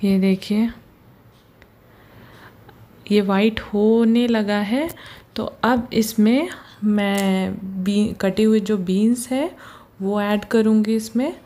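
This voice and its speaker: A woman with a mellow, mid-range voice and a steady tone hosts a home cooking channel from her kitchen. She narrates each recipe step slowly and patiently, often pointing things out to viewers with a repeated "ye dekhiye."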